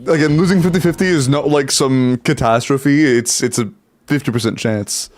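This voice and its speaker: A man's voice: mid-range voice, moderate pace. A man streaming a game, talking casually to his chat over a headset mic, stumbling and repeating words as he reacts. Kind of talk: casual livestream commentary while playing. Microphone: headset mic on a livestream.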